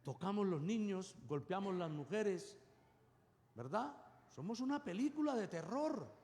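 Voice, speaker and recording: A man preaches in an animated style, his voice sitting high and leaping up and down. He keeps pressing the congregation with quick rhetorical questions. The sound carries a long reverb from the church hall. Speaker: pastor. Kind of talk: sermon.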